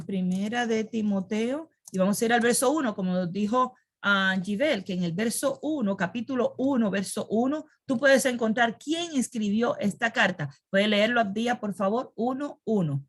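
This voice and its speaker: A woman teaching a Sunday school Bible lesson. She quizzes her class, repeats key words and keeps checking that they follow along. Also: medium pitch.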